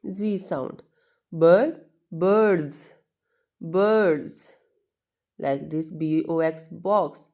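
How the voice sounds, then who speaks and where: A woman's voice: fairly low pitch, warm tone. A woman teaching an English lesson to students, patiently asking questions and answering them herself while mixing two languages. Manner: mixes Hindi-Urdu with English, calls students "beta". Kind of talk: classroom lesson explanation.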